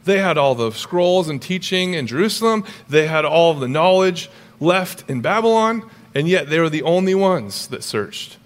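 A middle-aged male pastor preaching a sermon in a lively, conversational way with humorous asides. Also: a little high, normal speed, hardly any pauses.

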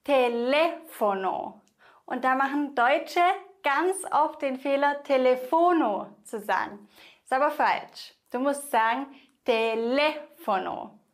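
This Spanish pronunciation teacher is a young woman whose first language is German, and her voice sits somewhat high. Teaching online, she goes slowly and carefully, repeating each example word so the listener can echo it back.

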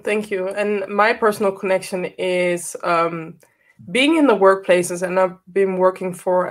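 Chatty woman hosting an online panel. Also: medium pitch. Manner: chatty, greets viewers, hesitant fillers. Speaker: host and moderator.

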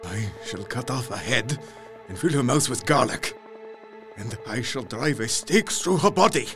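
Creaky, grave Van Helsing, vampire hunter. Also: male voice, medium pitch, animated, music in the background. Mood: grimly resolute. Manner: solemn, deliberate, halting foreign phrasing. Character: grave, resolute older foreign male professor and vampire hunter. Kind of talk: dramatised gothic horror audiobook acting.

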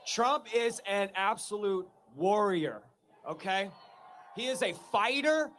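Man, rally speech, very high raised voice, emphatic shouted key lines, noisy recording with clicks. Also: lively intonation, slow. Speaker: rally speaker, protest organizer.

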